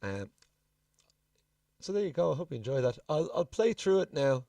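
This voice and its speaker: A man's voice: a little high, sing-song, moderate pace, creaky, dark tone, no room sound. A man giving a casual music production walkthrough, informal and thinking aloud as he presents. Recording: distant mic, music playing behind.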